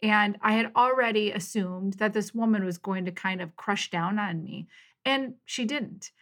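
A woman's voice: mid-range voice, a little slow. A middle-aged woman hosting her own podcast, talking through a personal story in an encouraging, storytelling way. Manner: warm, encouraging, storytelling with lively quoted voices. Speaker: podcast host. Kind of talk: casual solo podcast monologue.

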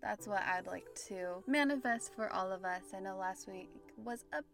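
A woman's voice: mid-range voice, moderate pace, creaky, faint music behind. A woman with a standard American accent, talking casually and reflectively as the host of a spiritual podcast.

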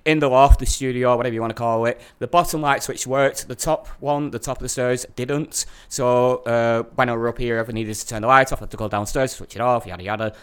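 A man's voice: medium pitch, steady tone, brisk, few pauses, smooth. A man, co-hosting a podcast in casual chat, rambling and swearing a lot. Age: 30s. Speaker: podcast co-host.

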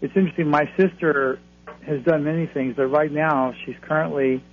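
Creaky-voiced man advising over a tinny phone. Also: a little high, steady tone, normal speed. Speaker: card-reading astrologer, radio guest. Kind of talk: conversational advice to callers. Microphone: telephone. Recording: thin phone line, humming noise.

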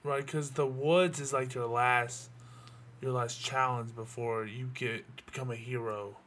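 A man's voice: mid-range voice, steady tone, unhurried, a bit bright, slight background noise. A man answering quiz questions in a casual chat with friends, laid-back and teasing. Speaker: quiz contestant.

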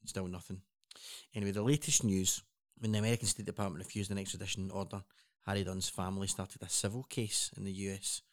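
A man's voice: low voice, little pitch movement, fast. A man co-hosting a casual news chat, earnest and rambling with frequent restarts. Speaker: co-host.

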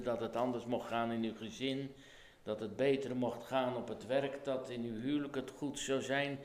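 A Dutch-accented man preaching a sermon as pastor, earnest and pleading, his voice rising to urgent calls. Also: medium pitch.

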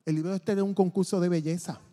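A man giving a testimony from the pulpit, telling his story in an animated way and acting out the dialogue. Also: high voice, rapid-fire. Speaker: church testimony speaker. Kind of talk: testimony preaching. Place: church sanctuary. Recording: long church reverb.

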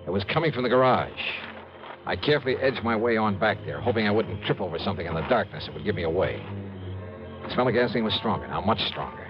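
An actor playing a hard-boiled private investigator, tense and clipped with wry asides, in a 1950s radio detective drama. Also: male voice, on the low side, expressive, quick pace, natural voice. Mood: suspenseful. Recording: dull vintage radio broadcast with music.

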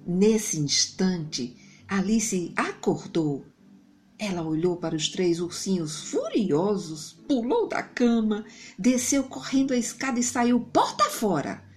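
Slow, lilting woman telling a bedtime story. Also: mid-range voice, very animated, a little mellow. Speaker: children's storyteller.

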